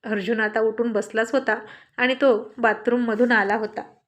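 A woman tells a family story aloud, voicing every character herself. Her voice sits a little higher than most, and she keeps the telling light and conversational. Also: fairly even intonation, moderate pace. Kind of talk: scripted story narration.

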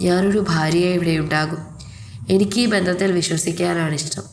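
Lady doing a shy new bride, soft shaky voice, lowish, storybook. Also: fairly even intonation, normal speed, slight background noise, lightly acted. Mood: pleading. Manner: soft, trembling. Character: young new bride, timid but hopeful.

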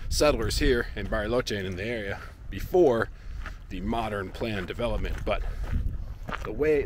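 Out by a lake and a parking lot, a man in his thirties records his travel vlog on a handheld action camera held at arm's length, chatting casually as he walks, full of fillers. His voice is on the low side against a noisy background.

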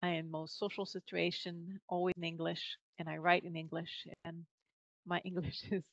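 A middle-aged woman with a French Canadian accent is a guest on a video call, chatting casually in an interview and laughing often between filler words. Her lowish voice keeps a level tone at normal speed. She uses a podcast mic in a home office with bookshelves, and the audio is dull with no room sound.

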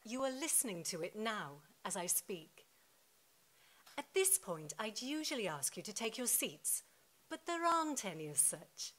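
A woman making a formal, scripted theatre announcement into a studio microphone in a deliberate show-opening style. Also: medium pitch, fairly bright tone. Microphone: large studio microphone.

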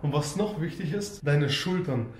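A man's voice: fairly high pitch, expressive, normal speed, slight background noise. Man explaining workout form, echoey room. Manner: explanatory, repeats key points. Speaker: fitness coach. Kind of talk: home gym workout tutorial. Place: home gym.

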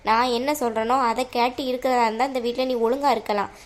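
A woman voicing a harsh, domineering mother-in-law in an animated cartoon, scolding in a bossy way. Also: on the high side, fast, natural voice. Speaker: voice actor.

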